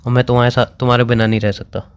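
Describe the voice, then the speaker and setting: A man's voice: medium pitch, flat delivery, rapid-fire, clean tone. A young man on a phone call, tearful and crying, pleading insistently and repeating himself. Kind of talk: emotional phone conversation. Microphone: phone call recording.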